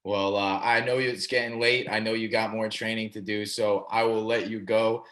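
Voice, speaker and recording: A man hosting an interview show, asking questions and affirming answers with quick agreement. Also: on the low side, little pitch movement, a bit bright. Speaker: podcast host. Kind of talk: casual interview.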